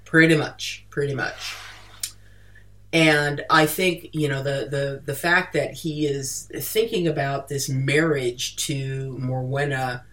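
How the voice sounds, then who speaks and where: Slow, hesitant book-club podcast host. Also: medium pitch, steady tone, a bit bright. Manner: hesitant, many "uh" and "um", repeats words. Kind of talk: casual book-club chat.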